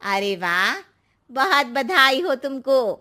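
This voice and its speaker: A woman voicing a superstitious older neighbourhood auntie who gives slow, hushed warnings in a cartoon. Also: high-pitched, sing-song, pitched above the performer's own voice, full character voice. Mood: cautioning.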